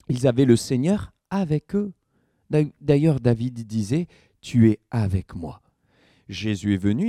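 French-speaking pastor preaching with a dark voice. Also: male voice, no room sound, clean studio sound. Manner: lively preaching, pitch swings up for emphasis, asks the congregation questions. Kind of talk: sermon. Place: church.

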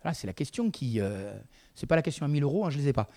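A man's voice: mid-range voice, big pitch swings, quick pace, warm tone. A man preaching a sermon in a conversational way, with frequent asides to the congregation.

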